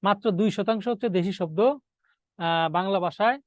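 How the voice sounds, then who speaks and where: High-voiced man dictating exam notes. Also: no room sound. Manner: repeats key points as questions to students, then answers them; dictates notes, slowing on key words. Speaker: teacher. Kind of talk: exam-prep grammar lecture.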